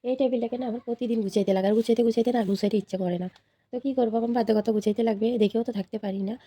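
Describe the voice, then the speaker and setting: Fast-talking woman chatting at home. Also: on the high side, fairly even intonation, dark tone. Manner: chatty, talks straight to viewers. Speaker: vlogger, mother. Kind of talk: casual home vlog chat. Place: home, indoors.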